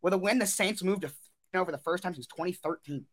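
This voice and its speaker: A man co-hosting a casual sports podcast, eager and quick to quote stats and make bold takes. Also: high voice, a crowd in the background. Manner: eager, stat-quoting, builds up bold takes. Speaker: podcast co-host.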